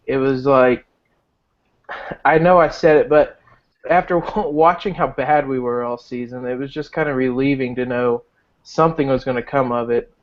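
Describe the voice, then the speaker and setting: A man's voice: mid-range voice, steady tone, normal speed. A man who is a guest on a sports podcast, telling stories with many fillers and chuckles. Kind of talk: casual chat. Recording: muffled lo-fi call audio.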